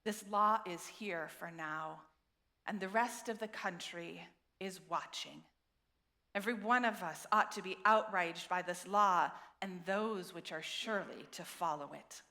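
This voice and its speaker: A woman rabbi preaching a sermon into a pulpit microphone in a synagogue, with an earnest, measured delivery and deliberate repetition. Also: fairly low pitch, bright, forceful tone. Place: synagogue sanctuary.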